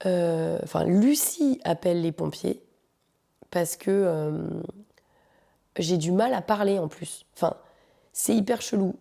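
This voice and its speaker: A woman's voice: lowish voice, animated, slow, creaky, long pauses, dark tone. A woman hosting a podcast, telling a personal story in a casual, joking, slangy way and talking straight to her listeners. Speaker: podcast host.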